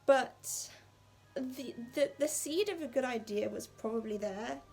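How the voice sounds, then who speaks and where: A woman's voice: sits high, unhurried, a little mellow, soft background music, low-quality recording. A woman in her twenties reading her old fan fiction aloud and commenting candidly, poking fun at her own writing. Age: 20s. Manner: candid, self-deprecating.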